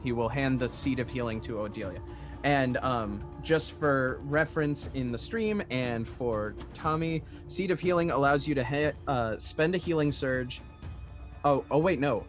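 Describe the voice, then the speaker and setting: A man's voice: mid-range voice, a little slow. A man playing a tabletop game, chatting casually and hesitantly as he thinks his moves through aloud. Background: music.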